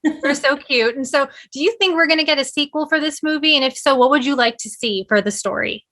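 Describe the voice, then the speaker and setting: A woman's voice: high voice, quick pace, sharp tone. A woman hosting a casual entertainment interview, speaking in an enthusiastic, conversational way.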